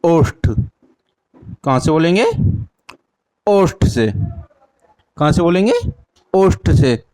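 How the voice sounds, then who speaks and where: A young man teaching a lesson with a north Indian Hindi accent. He asks each question, answers it himself, repeats the answer, and sounds out syllables slowly one by one. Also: a little high, lively intonation, warm tone. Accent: Hindi-speaking north Indian. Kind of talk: classroom lesson with call-and-response drills.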